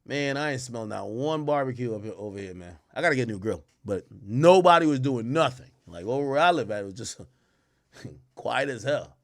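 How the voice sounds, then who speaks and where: In a brisk, medium-pitched voice with lively intonation, a man in his thirties from Jamaica gives casual livestream commentary to his chat. Wearing a headset in his indoor home streaming room, he's loose and rambling, heavy on slang and profanity.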